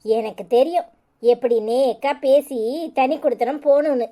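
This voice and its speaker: A woman's voice: sits high, moderate pace, warm tone, lightly acted. A woman voicing a bold, cunning young bride in a cartoon, with a Tirunelveli accent, talking defiantly. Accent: Tirunelveli Tamil. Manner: defiant, boastful.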